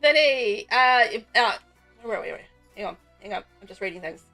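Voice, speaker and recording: This New Zealand woman speaks in a fairly high, expressive voice that is brisk, pushed, and bright. She streams a game and chats with viewers in a loose, rambling way while faint music plays behind.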